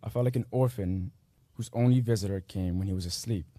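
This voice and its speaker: At a school graduation ceremony, a late-teen young man, a native Spanish speaker from Guatemala, reads his personal essay aloud in earnest, measured short phrases. His voice sits on the low side with a dark tone, and the recording is dry.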